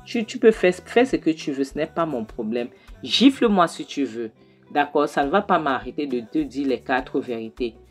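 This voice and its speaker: A woman's voice: sits low, animated, moderate pace, breathy edge, faint music behind. A woman voicing an indignant young daughter who stands up to her father for her mother, repeating herself as she argues. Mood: defiant.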